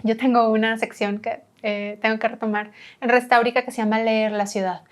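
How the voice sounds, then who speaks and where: A woman's voice: a little high, brisk. A woman from Monterrey with a northern Mexican accent, chatting as a podcast guest and telling stories with laughs and acted-out dialogue. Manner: lively storyteller, laughs often, acts out dialogue. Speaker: guest, architect and restorer. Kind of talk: casual podcast conversation.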